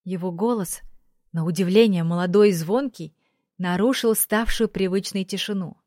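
A woman narrating a fantasy audiobook in a steady, expressive reading. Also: medium pitch, moderate pace, no echo, studio quality. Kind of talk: scripted narration.

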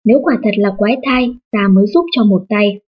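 A woman voicing an old, lame Taoist nun who scorns the family with mocking calm, in a storybook reading. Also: mid-range voice, brisk, husky, lo-fi sound, close to an everyday voice. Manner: scornful, laughing at others.

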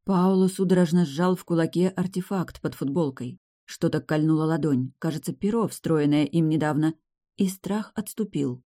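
A woman narrating an audiobook in a lively, expressive way. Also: low-pitched, normal speed.

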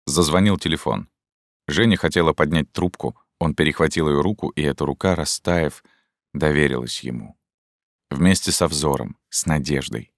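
A man narrating an audiobook in a measured, calm reading voice. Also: a bass voice, dry recording. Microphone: studio microphone. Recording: dry close studio sound.

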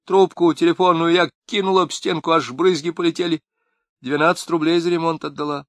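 A plaintive young wife with speech, her voice pushed high and strained with grievance, as a male reader puts her on. The recording is close and dry. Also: fairly even intonation, brisk, fairly bright tone, no room sound. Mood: bitter. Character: young woman, tearful, quick-tempered, southern speech.

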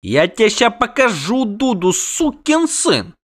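A man's voice: on the high side, sing-song, normal speed, voice pushed up. Man doing a fuming halfling merchant, Dainty. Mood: indignant. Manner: shouting, cursing, indignant. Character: hot-tempered male halfling merchant, blustering.

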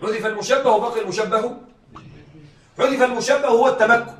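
A man's voice: extremely high pitch, fairly even intonation, fast. A man teaching rhetoric in a classroom lecture, repeatedly asking his students whether they are following. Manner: keeps checking students follow. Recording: echoey classroom, distant mic, faint hiss.

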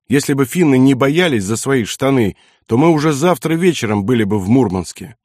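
A man voicing a blunt, self-assured German SS general who talks in a gruff, commanding way. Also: medium pitch, expressive, brisk, a little mellow, no room sound, studio quality, natural voice. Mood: grumbling.

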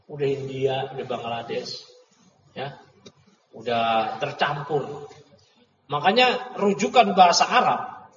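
Man, religious lecture, higher voice, distant dull recording. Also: roomy sound, long reverb tail, slight background noise. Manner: explains Arabic terms, then paraphrases them with lively asides. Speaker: Islamic teacher.

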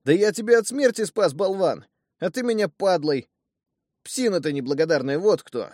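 Here is a hot-headed young male bandit in an audiobook, voiced by a man. He shouts indignantly and scolds his friend, his voice pushed high above the narrator's. The recording is dry and close. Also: animated, normal speed, no room sound, lightly acted. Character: blond young male bandit, brash and loud.

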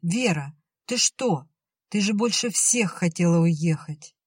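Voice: mid-range voice, lively intonation, slow, slightly rough, no echo. An anxious, emotional elder sister, voiced by an audiobook reader. She exclaims with agitation and worry. The sound is dry and close. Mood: agitated. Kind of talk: audiobook character reading.

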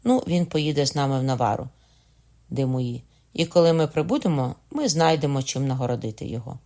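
A man's voice: medium pitch, lively intonation, brisk, darkish tone, natural voice. A man reading as a shrewd young king. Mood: warm. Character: shrewd young male king, wry and playful.

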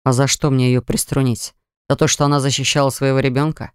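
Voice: mid-range voice, flat delivery, a little fast, smooth, no room sound, studio quality, lightly acted. A reader voicing a cold, stern grown son who speaks in a clipped, scolding way, in an audiobook. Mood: icy. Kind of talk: audiobook character voice.

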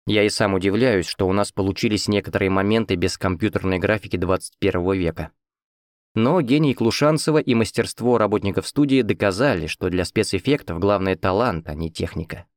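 A man's voice: on the low side, a little fast, no room sound, clean studio sound. A man narrating a first-person audiobook in a wry, ironic manner.

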